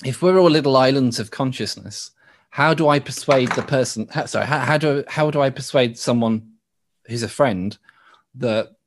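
English man, guest on a talk podcast, halting and searching as he explains. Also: medium pitch. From West Midlands, England. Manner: halting, with frequent restarts and laughs. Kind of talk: thoughtful conversational interview.

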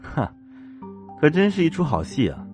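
A man voicing a cocky young male police officer who talks smugly and teasingly, with a husky voice. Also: on the high side, huge pitch swings, normal speed, darkish tone, faint music behind. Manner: smug, teasing, with scoffs. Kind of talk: audio drama acting.

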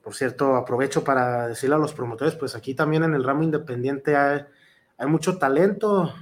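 A man's voice: medium pitch, fairly quick. A man with a Mexican accent, a professional wrestler answering interview questions in an earnest, rambling way full of fillers and restarts.

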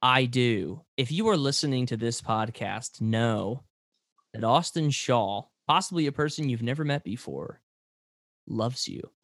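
A man's voice: unhurried, no echo, clean studio sound. A man co-hosting a podcast, chatting casually, joking and teasing, his voice jumping up when he gets fired up. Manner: joking, animated, jumps high when excited. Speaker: podcast co-host.

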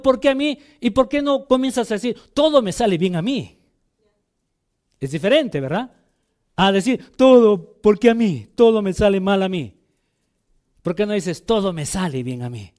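Male pastor preaching, really high voice, fired up, keeps repeating himself. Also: darkish tone. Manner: fervent preaching with repetitions and anecdotes. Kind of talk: sermon.

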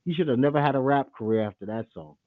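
A man's voice: medium pitch, fast talker, no room sound, phone-quality sound. A man hosting a call-in show, talking in a blunt, profane and opinionated way. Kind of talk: casual call-in radio talk.

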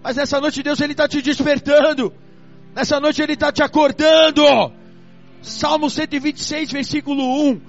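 A high-pitched man preaches a sermon, moving from quiet personal testimony to loud, shouted calls to the crowd. The recording is muffled and lo-fi, with soft music underneath. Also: little pitch movement, moderate pace. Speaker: pastor.

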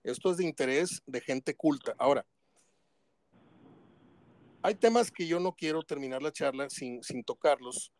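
A man in his sixties hosting a sports radio show, interviewing a guest in an effusive, formal and flattering way. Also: on the high side, normal speed, pauses often, no echo. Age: 60s.

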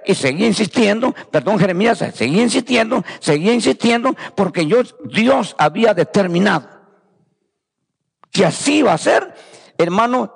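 Gravelly, lively-pitched preacher in a hall. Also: male voice. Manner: fervent preaching, repeats phrases, addresses listeners as brother. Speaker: pastor. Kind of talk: sermon.

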